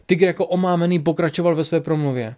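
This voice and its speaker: A man narrating a fantasy audiobook in an even, measured manner. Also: a little high.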